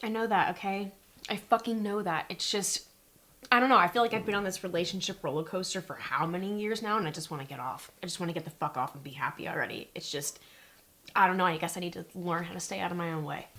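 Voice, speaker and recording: A woman's voice: fairly low pitch, fast talker, a bit bright. An actress playing a lovesick, foul-mouthed female vampire who swears in exasperation, in film dialogue. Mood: exasperated.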